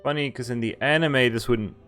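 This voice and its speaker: A man streams a visual novel, reading the dialogue and narration aloud and stopping now and then for casual, laughing asides. His medium-pitched voice is brisk and fairly bright, with soft music playing in the background.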